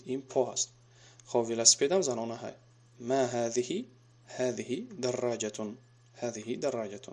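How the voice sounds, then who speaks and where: Patient Tajik-accented Arabic teacher. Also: male voice, mid-range voice, a little mellow. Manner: patient, reads each example slowly twice then translates. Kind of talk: recorded grammar lesson.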